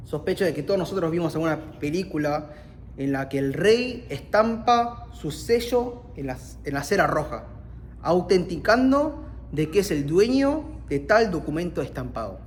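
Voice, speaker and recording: Argentine male preacher, earnest and emphatic, voice on the higher side. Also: slight background noise. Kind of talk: sermon.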